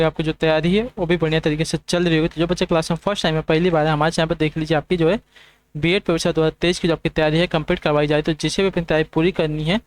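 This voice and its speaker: A young man teaching an online exam prep class, stepping through quiz questions and checking in with students often. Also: on the high side. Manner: fast, repetitive checking-in with students.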